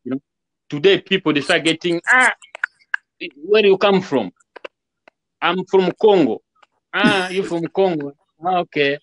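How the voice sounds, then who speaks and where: A man's voice: high voice, unhurried, pauses often, a bit bright, slight background noise, poor audio. A man guest speaking earnestly over a video call, repeating points and acting out quoted greetings. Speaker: guest musician. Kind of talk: casual interview talk over video call. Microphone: video call webcam.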